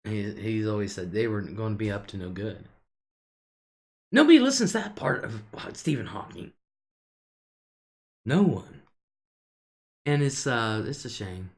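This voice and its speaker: An older woman chats casually during a live stream, her deep alto lively in intonation and measured in pace, with long pauses. She reads viewer comments aloud and laughs often between remarks.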